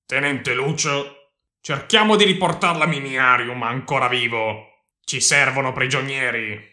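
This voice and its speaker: A man voicing a fierce, battle-hardened male warrior commander who speaks gruffly and curtly. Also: medium pitch, a little slow, bright, forceful tone. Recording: echoey room.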